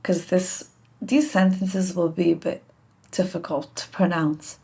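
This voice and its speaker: Very slow, careful woman learner. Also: fairly low pitch, steady tone, gravelly, dark tone. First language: not French. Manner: repeats each phrase carefully, self-correcting. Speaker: channel host practicing French. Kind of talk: slow pronunciation practice.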